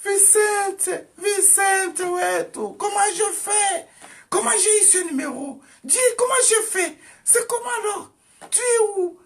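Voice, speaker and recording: A man voicing his tearful female cousin, pleading with rapid, shrill questions. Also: fairly bright tone, recorded from a distance, exaggerated voice. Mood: frantic pleading. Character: frantic tearful female cousin, desperate woman.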